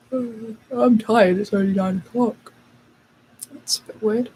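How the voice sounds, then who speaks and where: A woman's voice: fairly high pitch, fairly even intonation, slow pace, a little mellow, a little hiss or hum, poor audio. A young British woman hosting a casual livestream, chatting and answering viewers' questions with lots of fillers. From United Kingdom. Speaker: channel host.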